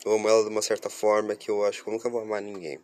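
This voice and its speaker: A man's voice: fairly low pitch, monotone, racing, a little mellow, no echo. A man from Curitiba, talking to viewers in a rambling, confessional vlog while stuffy from a cold. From Curitiba, southern Brazil. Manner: rambling, talks straight to viewers. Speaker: vlogger. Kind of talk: casual confessional monologue.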